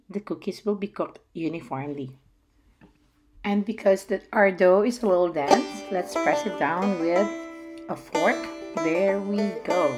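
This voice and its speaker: A middle-aged woman with a Filipino accent chattily narrating a recipe as a home baking host, with playful asides. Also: fairly low pitch. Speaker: home baker hosting a cooking vlog. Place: home kitchen, indoors.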